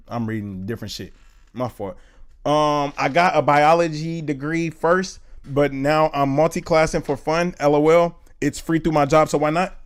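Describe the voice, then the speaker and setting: A young man in his twenties from Indiana, USA, chats casually on a live stream in a higher-pitched voice. Loose and slangy, he says "bro" a lot, reads chat aloud, and thinks out loud.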